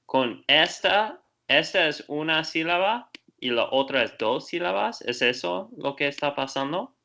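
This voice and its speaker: A man's voice: fairly high pitch, expressive, unhurried, creaky, bright, forceful tone, dull audio. A man learning Spanish on a video call, reading aloud carefully and asking his tutor questions.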